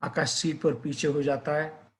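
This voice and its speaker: A man's voice: a little high, little pitch movement, a little slow. A male teacher telling a suspenseful story, then earnestly urging students to revise. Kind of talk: storytelling and motivational advice to students.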